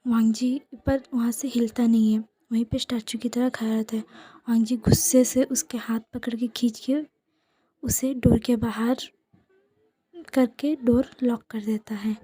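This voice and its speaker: Softly whispering young woman storyteller. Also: a little high, little pitch movement, measured pace, breathy edge, no room sound. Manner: soft, half-whispered reading. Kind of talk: whispered fan-fiction narration.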